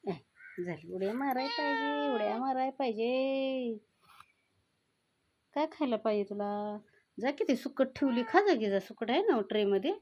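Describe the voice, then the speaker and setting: A woman's voice: high voice, animated, moderate pace, long pauses, lo-fi sound, noisy background. A woman chatting to her pet cat, chiding and then doting on it as if it were a child. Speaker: vlogger talking to her cat. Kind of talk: casual scolding and cooing to a pet.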